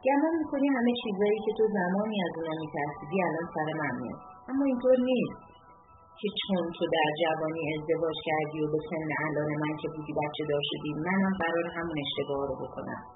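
Reading a story aloud, a woman voices an upset, indignant young woman, expressively delivering high, shrill protests. The recording sounds tinny and echoey, with music behind her.

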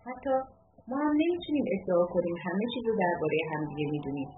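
A worried middle-aged mother speaks slowly and deliberately, picking her words, played by a woman narrator. The voice moves expressively, and the thin, phone-like sound carries music underneath. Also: lowish voice, sing-song, noisy background. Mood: careful. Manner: measured, choosing words carefully. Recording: tinny lo-fi audiobook with music.

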